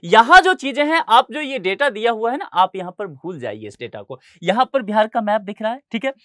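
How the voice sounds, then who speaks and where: A man's voice: high voice, very animated, a little fast, fairly bright tone, no room sound, clean studio sound. A male teacher giving an exam-prep lecture over a map, explaining step by step and often checking that students follow.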